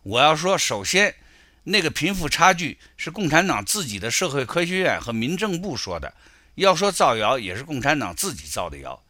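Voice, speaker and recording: Lively, bright-voiced man giving commentary. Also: fairly high pitch, normal speed, no room sound, studio quality. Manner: critical, argumentative, storytelling. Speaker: political commentator. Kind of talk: spoken political commentary.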